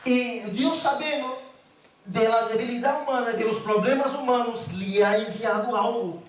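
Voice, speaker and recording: Man, preacher, high voice, emphatic, repeats words for stress, booming church echo, distant mic. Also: normal speed. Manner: mixes Portuguese and Spanish. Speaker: guest preacher. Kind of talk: sermon. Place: church sanctuary. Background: congregation calling out amens.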